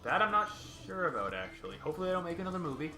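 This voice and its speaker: A young man chatting casually about games and shows beside a player, rambling and animated. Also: fairly high pitch, rapid-fire. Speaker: co-commentator. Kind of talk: casual gaming chat. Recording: echoey room with music.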